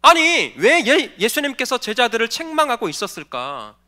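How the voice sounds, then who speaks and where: A man's voice: very high-pitched, wildly swooping pitch, moderate pace, bright, forceful tone. A male pastor giving a sermon, posing questions to the congregation and answering them, and calling for the next slide. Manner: directs the slide operator between points.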